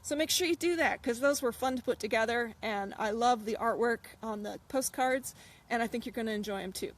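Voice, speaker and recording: A woman author talking to viewers in a relaxed live stream. Her voice sits a bit high, and she sounds eager and chatty, with frequent ums and uhs. She talks close to a phone or webcam. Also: brisk. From United States. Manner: chatty, excited, many fillers. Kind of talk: casual live-stream chat.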